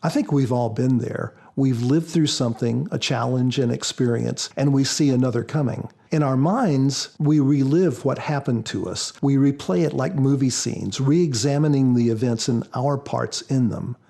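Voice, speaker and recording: A guest author on a podcast explains things in a measured, prepared way during his interview. His medium-pitched voice is warm, with some vocal fry.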